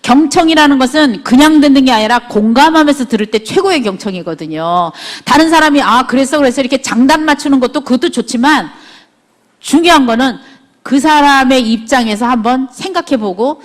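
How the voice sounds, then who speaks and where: A woman's voice: high-pitched, brisk. Middle-aged woman giving a conversational lecture. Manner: conversational, asks the audience frequent rhetorical questions.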